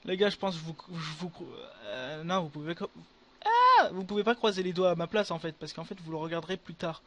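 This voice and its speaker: Bright-voiced excitable young gamer guy. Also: high-pitched, a little fast. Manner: excitable, crude slang, talks to viewers. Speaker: gaming video creator. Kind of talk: casual gameplay commentary.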